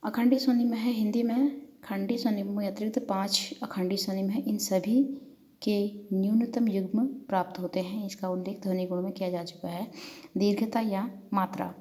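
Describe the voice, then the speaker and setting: A woman's voice: mid-range voice, mellow. A woman professor giving a lecture on Hindi phonology, explaining terms and reading example word pairs with careful stress.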